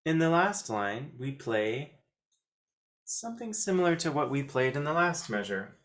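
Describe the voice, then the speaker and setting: A piano teacher hosting video lessons gives a slow, step-by-step demonstration in a mid-range, sing-song, fairly bright voice. Piano notes accompany his deliberate counting of notes and fingerings in short phrases.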